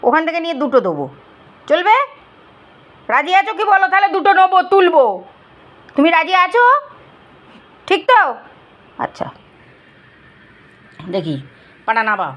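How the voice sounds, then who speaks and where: A woman filming her pet dogs, gently coaxing and scolding them in casual talk. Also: very high voice, big pitch swings, normal speed, pauses often. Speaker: pet owner vlogger.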